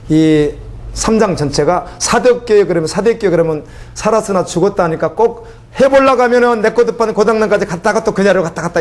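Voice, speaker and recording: A man preaching a sermon as a pastor, emotional and pleading, his voice rising into fervent cries. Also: sits high.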